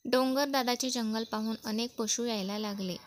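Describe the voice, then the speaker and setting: A woman reading a children's school story aloud, voicing the characters' lines with lifted, animated delivery. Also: normal speed, a little hiss or hum. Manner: animated, voices dialogue with lifted pitch.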